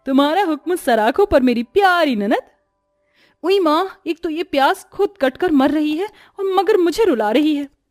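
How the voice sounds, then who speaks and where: A woman's voice: sits high, animated, normal speed, dry recording, clean studio sound, faint music behind, pitched above the performer's own voice. A woman voicing a lazy, playful young wife in a cartoon story, coaxing and dramatic.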